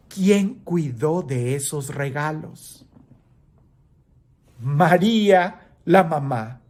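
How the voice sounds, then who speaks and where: A priest giving a daily homily with impassioned preaching, his voice swinging up and down and slowing to lift the words of scripture. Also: a little mellow. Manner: impassioned preaching, pitch rising and falling widely; slows and lifts his voice for scripture quotes.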